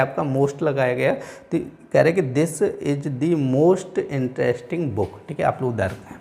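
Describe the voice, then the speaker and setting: Man, Indian accent, English teacher, gravelly fry, grammar lesson in Hindi, repetitive checking in. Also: mid-range voice, darkish tone. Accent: Indian English, Hindi-speaking. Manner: repeats "theek hai" and "aap log dhyan rakhen" often; reads English example sentences slowly, word by word.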